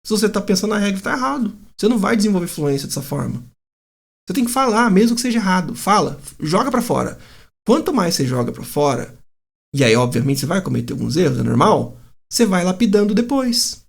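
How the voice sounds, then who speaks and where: A Brazilian-accented English teacher talks straight to camera with a gravelly, creaky edge. The pitch swings widely from line to line, and the teacher often slips into students' worried inner voices. The delivery is casual and animated throughout. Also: fast talker. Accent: Brazilian Portuguese.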